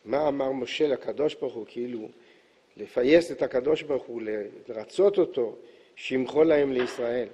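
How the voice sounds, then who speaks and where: A man's voice: mid-range voice, mellow, breathy edge. A male religious teacher explaining scripture and midrash, quoting verses and unpacking them. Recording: echoey hall, dull lo-fi sound.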